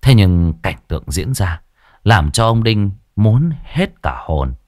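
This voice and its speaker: A man narrating a ghost story in a dramatic, animated storytelling manner. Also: on the low side, slow pace, no echo, studio quality.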